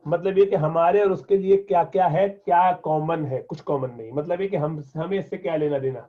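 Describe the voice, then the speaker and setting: Husky-voiced man teaching over tinny audio. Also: fairly high pitch. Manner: reads an Arabic phrase slowly, then translates and explains it. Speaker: Arabic teacher. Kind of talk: classroom lesson explaining Arabic in Urdu. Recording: tinny phone-like lo-fi sound.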